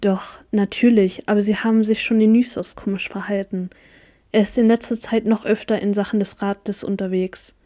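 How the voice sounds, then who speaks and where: A woman's voice: mid-range voice, steady tone, normal speed, close to an everyday voice. A woman reading aloud, voicing a cautious teenage boy who whispers with worry in a whispered role-play. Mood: uneasy. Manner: hushed, worried whisper.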